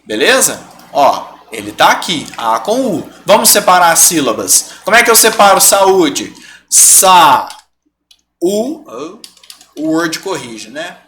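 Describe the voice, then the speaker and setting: A man's voice: fairly high pitch, sing-song, moderate pace, pushed and bright, slight background noise. A Brazilian man teaching a live online grammar lesson, explaining step by step, stretching out example words and often checking in with his students. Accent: Brazilian Portuguese.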